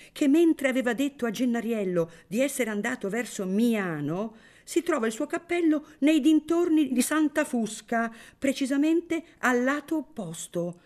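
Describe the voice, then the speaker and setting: A woman acting out a sly middle-aged male lawyer in a storybook reading, holding forth as if before a courtroom. The voice sits high for the man, lifting and dropping in lively swoops, with a mellow, soft-edged tone. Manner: oratorical, courtroom declaiming. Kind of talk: audiobook character reading.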